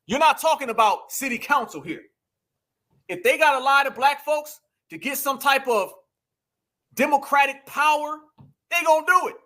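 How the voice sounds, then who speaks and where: A man's voice: very high-pitched, expressive, moderate pace, bright, forceful tone. A man delivering emphatic political commentary, preaching to his viewers and calling them family. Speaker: commentary vlogger.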